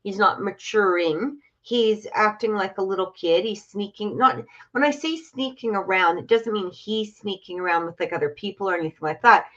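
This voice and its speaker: A psychic tarot reader hosts a live reading, chatting through each card and leaning heavily on "you know" and other fillers. Her mid-range voice moves at normal speed with few pauses, a bit bright, with the highs cut off.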